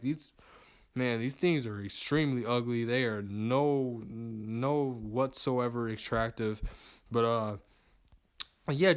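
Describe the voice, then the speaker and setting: Man, movie news vlogger, casual commentary, rambling, repeats himself, lots of fillers. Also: mid-range voice.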